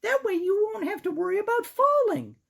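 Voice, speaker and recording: An excitable little girl mouse from a children's storybook. The voice is squeaky and pitched very high. She is perky, bold and always up for adventure. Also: normal speed, creaky, full character voice. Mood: coaxing. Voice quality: squeaky, shrill. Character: excitable adventurous young female mouse explorer.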